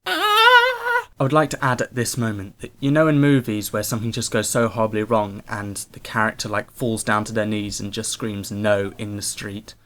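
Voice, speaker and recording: A man telling a personal story to camera in an animated, excitable way. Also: fairly low pitch, a little fast, hardly any pauses. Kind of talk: casual storytime monologue.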